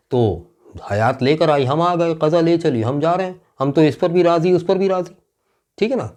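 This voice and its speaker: A man with a Karachi Urdu accent teaching as an English teacher in a classroom-style lecture, explaining slowly and drawing out recited verse lines. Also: a little high, darkish tone.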